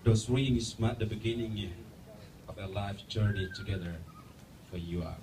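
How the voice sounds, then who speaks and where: A man's voice: fairly low pitch, moderate pace, recorded from a distance. Male wedding officiant, noisy outdoor recording. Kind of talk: leading a wedding ceremony. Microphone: handheld mic, picked up from afar by a guest's phone.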